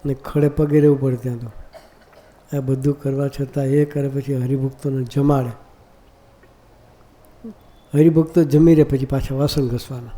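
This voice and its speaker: Monk preaching to a crowd, very mellow dark voice, keeps tossing questions at them. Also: male voice, mid-range voice, level tone, moderate pace, long pauses. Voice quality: keeps asking the audience rhetorical questions. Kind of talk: devotional discourse.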